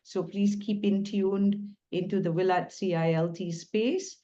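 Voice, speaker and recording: A woman's voice: medium pitch, steady tone, a little slow, dark tone, a little hiss or hum. Woman hosting on a dull video call. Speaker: webinar host. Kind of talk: semi-formal online event hosting.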